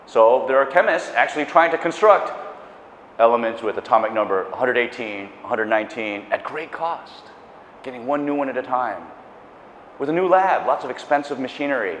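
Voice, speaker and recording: Speaking a little fast in a mid-range voice, a middle-aged man presents a public math lecture via lapel mic, a slight hiss or hum underneath. He's animated and chatty, pacing and gesturing, with asides and self-corrections. The echoey lecture hall gives a dull sound.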